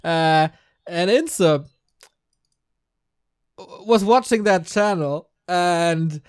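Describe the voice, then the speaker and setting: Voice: medium pitch, drawn-out words, smooth. A co-host chatting casually on a podcast, laughing often and sounding upbeat. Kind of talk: casual chat.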